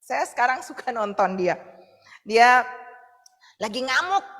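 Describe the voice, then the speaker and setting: A woman pastor preaching a sermon in an animated way, acting out the voices she quotes. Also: on the high side, slow, big-room sound. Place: church hall.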